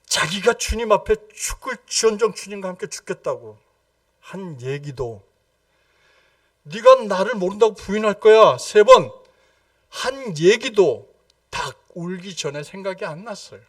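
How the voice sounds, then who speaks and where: A male pastor delivers an evening prayer sermon in a high, sweeping voice that leaps between loud exclamations and hushed, low lines. He keeps quizzing the congregation with repeated questions. He is picked up from a distance, with a dry sound. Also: very animated, a little slow, no echo. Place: church sanctuary.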